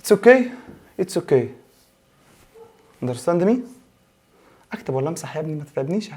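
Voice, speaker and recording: A young man teaching a science revision lesson in Egyptian Arabic, animated and teasing, mixing English terms into his speech. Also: on the high side, normal speed, husky.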